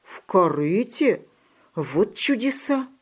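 A drowsy little puppy from a children's storybook who grumbles his words out slowly, as a woman reads him. His voice is lively but lazy. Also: on the high side, pitched above the performer's own voice, natural voice. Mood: amazed. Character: sleepy grumbling young male puppy.

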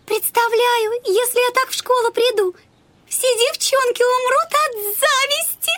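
A vain cartoon girl who gushes and dramatizes everything, acted by a woman. Her voice is extremely high. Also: steady tone, a little slow, a bit bright. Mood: gushing. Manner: gushing, dramatic. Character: fashion-obsessed, vain young girl.

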